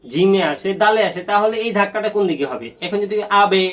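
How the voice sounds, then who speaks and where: High-voiced man teaching Quran recitation. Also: animated, a bit bright. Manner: explains step by step, asks and answers his own questions; chants sample words and verses slowly and drawn out. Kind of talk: online tajweed lesson.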